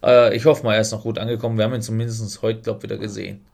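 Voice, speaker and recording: A man's voice: on the low side, level tone, very fast, vocal fry, a little mellow. A man co-hosting a casual podcast chat, rambling and correcting himself as he explains technical details. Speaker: podcast co-host.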